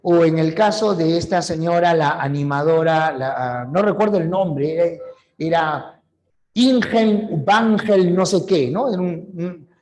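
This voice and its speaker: A man's voice: a little high, measured pace, darkish tone. A middle-aged man, teaching a language class in a chatty way, asking questions and answering them himself. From Peru. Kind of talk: online class lecture.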